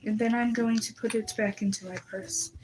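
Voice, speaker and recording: A woman's voice: on the high side, fairly even intonation, moderate pace, noisy background. A woman chatting casually while she draws, rambling and poking fun at herself as she gets sidetracked. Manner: rambling, self-mocking, easily sidetracked. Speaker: drawing streamer. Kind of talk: casual drawing commentary. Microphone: desk mic on a recording stand.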